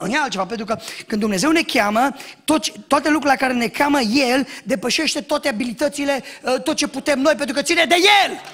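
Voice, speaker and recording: A man preaching a sermon as pastor, telling jokes and acting out shouted lines and dialogue. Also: very high voice. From Romania. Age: young adult. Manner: animated storytelling, acts out shouts and dialogue, jokes.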